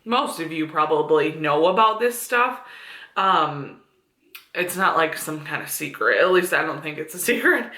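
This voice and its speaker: A woman's voice: sits low, lively intonation, normal speed, sharp tone. A woman in her twenties, a beauty vlogger chatting casually to the camera with lots of fillers. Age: 20s. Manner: chatty, with frequent fillers and laughs. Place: room at home. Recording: echoey room.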